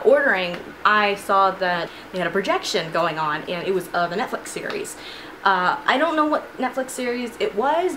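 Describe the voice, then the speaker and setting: A young woman, a student, telling a casual storytime vlog in a chatty, animated way with frequent laughs, filmed at home on a camera in her room. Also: medium pitch. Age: young adult. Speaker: vlogger. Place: bedroom with shelves of figurines, indoors. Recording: noisy home recording.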